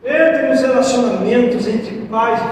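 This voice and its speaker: High-pitched pastor guy preaching hard in a big echoey church, kinda far from the mic. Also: moderate pace, slight background noise. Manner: impassioned preaching, swinging between shouts and hushed pleas. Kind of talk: sermon. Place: church sanctuary. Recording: echoey church hall, mic heard from afar.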